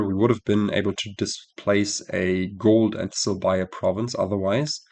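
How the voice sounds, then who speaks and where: A man's voice: on the low side, a little mellow. A man with a nasal voice giving casual, analytical commentary on a card game he just played, often correcting himself as he thinks aloud.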